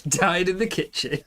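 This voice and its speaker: A man's voice: sits high, a bit bright, a little hiss or hum. A tired man streaming a survival game live, rambling through casual commentary with frequent ums and self-corrections. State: tired and yawning.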